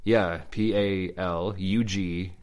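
Deep-voiced man rambling about legends. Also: fairly even intonation, a little mellow. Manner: halting, many fillers and restarts. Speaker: podcast co-host. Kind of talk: casual chat about legends.

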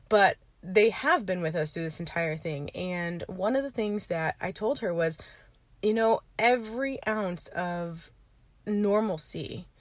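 Parked in her car, a woman who is a podcast host and coach rambles casually through an episode, laughing now and then. She's chatty and laughs often, speaking in a lowish voice. The setup is informal with no computer, and the recording is dry.

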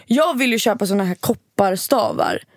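Animated Swedish-speaking woman podcaster. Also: medium pitch, gravelly, dry recording, clean studio sound. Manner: animated storyteller, acts out quotes. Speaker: podcast co-host. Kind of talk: casual chat.

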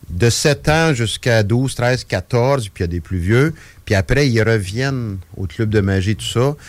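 With a fairly low voice and no echo, an older Quebec French-accented man of 50 or above from Trois-Rivières tells anecdotes as a guest magician. It's a casual, jokey radio chat in a dry studio, and his storytelling is animated and rambling, often interrupted by himself as he wanders off.

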